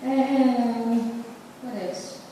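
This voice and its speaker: A woman from Greece, speaking at a conference in an unhurried, thoughtful way. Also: a little high, fairly even intonation, background noise. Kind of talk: panel statement. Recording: echoey hall from far off.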